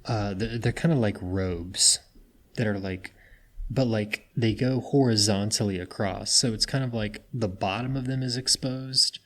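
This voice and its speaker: Young man, low voice, casual game master, rambling narration. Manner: casual, halting, full of likes.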